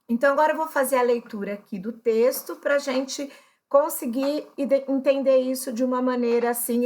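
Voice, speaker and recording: A woman teacher takes her students through a grammar lesson with a high voice. She talks slowly and patiently, pausing to check that everyone is following. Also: a bit bright. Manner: patient, explains step by step, checks in with "tá?"; addresses students as brothers and sisters. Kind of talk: recorded Portuguese grammar lesson.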